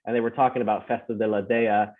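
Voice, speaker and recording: Over a tinny remote line that sounds like a phone, a man with a Philippines and US upbringing guests on a podcast about his fan club. He talks fast and flat in a fairly low voice, rambling and adding "right?" to his points.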